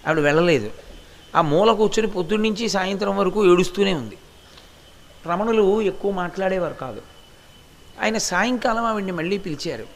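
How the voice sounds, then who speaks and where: High-voiced man giving a devotional talk. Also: fairly quick, pauses often. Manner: explanatory, storytelling teacher. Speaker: religious discourse speaker. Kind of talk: devotional discourse.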